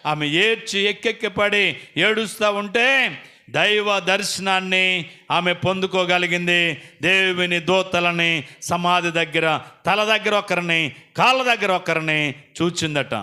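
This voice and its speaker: Male preacher, dramatic storyteller, very bright and high voice. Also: unhurried, clear, resonant tone. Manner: dramatic storytelling with repeated phrases. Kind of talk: sermon.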